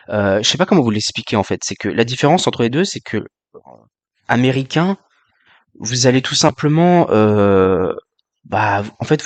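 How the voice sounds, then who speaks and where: A man's voice: medium pitch, no echo. A man streamer talking casually and hesitantly to his viewers, with many fillers and restarts, in a friendly, joking way. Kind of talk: casual live-stream talk.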